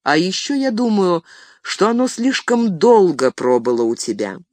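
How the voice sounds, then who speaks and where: A reader doing a calm old wizard. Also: mid-range voice, no room sound, pitched above the performer's own voice, lightly acted. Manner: calm, measured, stern at times. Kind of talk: audiobook reading.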